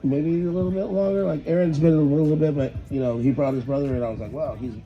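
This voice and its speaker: A man whose hoarse voice is nearly gone, chatting casually as a band's lead singer in an interview. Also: on the high side, fast talker, muffled recording, faint music behind. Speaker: band lead singer and rhythm guitarist.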